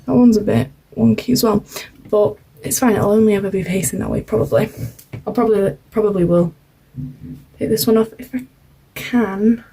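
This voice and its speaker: A woman's voice: mid-range voice, moderate pace, creaky, warm tone, husky, poor audio. A young woman chatting casually while crafting for a vlog, rambling with lots of fillers. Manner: rambling, self-interrupting, uses "like" and "um" a lot. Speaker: craft vlogger.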